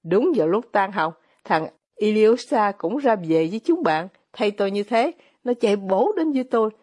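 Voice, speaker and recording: A woman reading as a poor, bitter older male ex-officer with quiet irony, in an audiobook. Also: mid-range voice, very animated, moderate pace. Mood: bitter, ironic.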